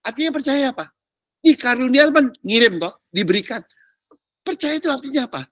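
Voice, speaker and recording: A man preaches in a high, swooping voice, teasing his listeners in casual street slang. The sound is close and dry, with no room around it. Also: a little fast, no room sound. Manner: animated, teasing, slangy Jakarta street talk. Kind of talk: sermon.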